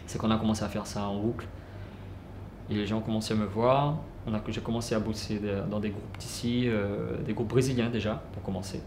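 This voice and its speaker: A man telling his life story casually, unhurried, with many fillers and restarts. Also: lowish voice, fairly even intonation. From French Guiana. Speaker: musician. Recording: roomy with clear background noise.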